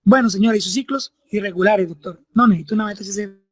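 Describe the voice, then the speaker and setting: A man's voice: high voice, fast talker, no room sound. A man teaching a medical class, explaining step by step and often checking that students follow. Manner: explanatory, checks understanding with frequent tag questions. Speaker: medical lecturer.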